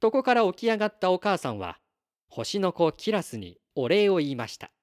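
A man reading a children's story aloud in a slow, gentle, expressive way. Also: sits high.

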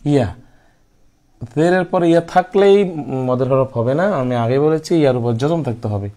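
A man teaching Quran reading. He explains the pronunciation rules and then chants each word slowly for the listener to repeat. He often asks a question and answers it himself. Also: mid-range voice, animated, mellow. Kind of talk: recitation lesson.

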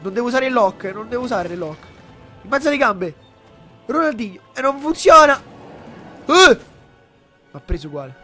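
A young man commentating his own video game boss fight, excitable, swearing, and shouting and repeating words in bursts. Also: extremely high pitch, moderate pace, pauses often, faint music behind. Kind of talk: live gameplay commentary.

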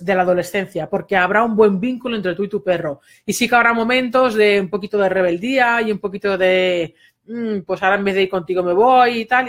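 A woman, a dog trainer giving a casual spoken lesson, chatty, with many fillers and quick asides. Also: mid-range voice.

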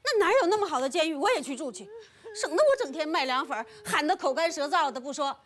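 A sharp-tongued village wife. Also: female voice, high voice, expressive, fast, slight background noise. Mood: defiant. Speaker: cold-noodle seller, wife. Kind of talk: rural film drama.

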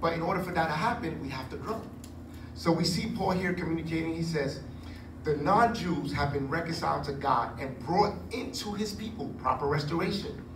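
A man in his forties preaching a sermon on a church stage into a handheld mic, chatty and animated with joking asides. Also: on the high side, fairly quick, distant mic. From Puerto Rico heritage. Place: church stage with curtain backdrop. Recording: echoey room, recorded from afar, noisy.

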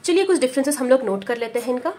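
A woman with a high voice teaches a Hindi lesson for parents of young children. She talks patiently and steadily, repeats key words slowly and keeps checking in with "okay" as she goes. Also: expressive, warm tone, a little hiss or hum. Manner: patient, repeats key words slowly, says "ठीक है" often, mixes English words. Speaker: preschool teacher.

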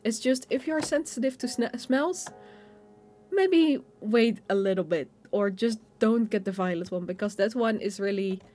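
A woman's voice: on the high side, measured pace, dark tone. A young woman at a home desk, chatting casually about pens and a notebook with many fillers and restarts. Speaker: stationery vlogger. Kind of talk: casual show-and-tell narration. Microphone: overhead camera over a desk.

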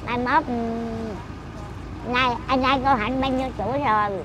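Old lady in her 80s chatting outside, high pitched, bossy teasing talk, loud street noise. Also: fairly even intonation, measured pace. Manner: blunt, teasing, scolds playfully. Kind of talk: casual chat.

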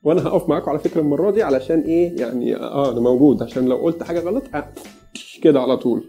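A man's voice: a little high, very fast, dark tone, faint music behind. A man with an Egyptian accent giving a casual English pronunciation lesson, chatty and joking as he talks straight to the viewer. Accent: Egyptian Arabic.

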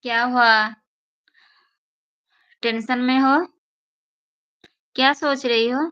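A woman's voice: a little high, flat delivery, slow, a bit bright, smooth, no echo, highs cut off. A young woman chatting casually on a live stream, coaxing and pleading with viewers in a playful way.

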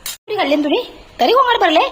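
Woman vlogger, high voice, chatty, playfully scolding, home kitchen, faint background noise. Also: expressive, fast. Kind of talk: casual home vlog.

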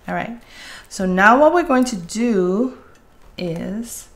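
A middle-aged woman hosts a live craft tutorial from a room in her home, chatting casually with viewers and calling them "guys" while she works. Her mid-range voice is animated, and she speaks at a slow pace.

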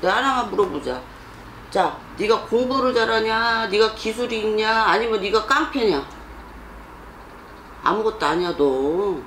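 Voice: mid-range voice, animated, unhurried, long pauses, fairly bright tone. A fortune teller bluntly scolding a young man during a consultation, constantly prodding him for answers. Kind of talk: scolding counsel session. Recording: roomy with faint background noise.

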